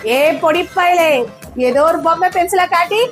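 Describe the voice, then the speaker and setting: A woman's voice: extremely high pitch, soft background music, pitched below the performer's own voice. Woman doing a hungry ghost aunty. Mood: menacing. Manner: menacing, slow drawl.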